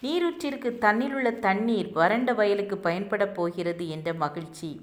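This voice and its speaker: A woman narrating a devotional parable in an earnest, expressive storytelling manner. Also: mid-range voice, normal speed, reverberant.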